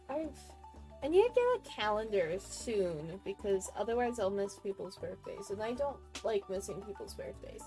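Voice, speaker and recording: Chatty, expressive woman streamer. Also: medium pitch, rough recording. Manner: chatty and expressive, laughing often. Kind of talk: casual chat while gaming.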